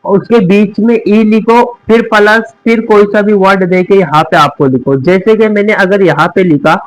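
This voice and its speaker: A man's voice: high-pitched, normal speed, rough recording. A young man with a Hindi accent teaching a lesson, repeating each word as a question and then answering it. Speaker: English teacher.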